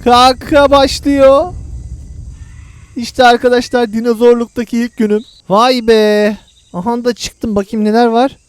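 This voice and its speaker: A man hosting a gaming channel, giving chatty, excitable play-by-play commentary to his viewers and teasing the friend playing with him. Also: extremely high pitch, a little slow, clean tone.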